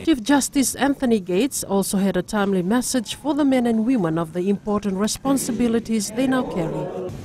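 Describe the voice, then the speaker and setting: A female news reporter narrates from a script. Her voice is pitched a little high. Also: expressive, fairly quick, a crowd in the background.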